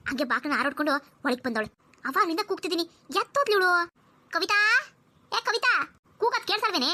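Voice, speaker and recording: A nosy, scolding old mother-in-law played by a woman grumbles and mutters to herself in a very high, bright voice at a quick clip. It is cartoon voice acting. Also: very animated, full character voice. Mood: grumbling.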